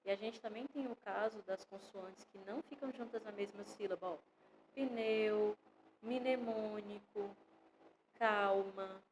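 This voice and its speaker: A woman's voice: medium pitch, a little fast, hardly any pauses, background noise. A woman with a Brazilian Portuguese accent teaching an online grammar lesson to children, explaining step by step and often checking in with her students.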